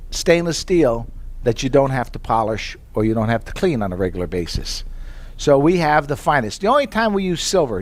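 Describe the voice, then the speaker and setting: A man pitches tableware to a live audience in a slightly raised voice. He spins chatty personal stories, quotes his own past thoughts in little asides, and keeps checking in with his listeners. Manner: chatty storytelling with rhetorical questions. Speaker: sales presenter.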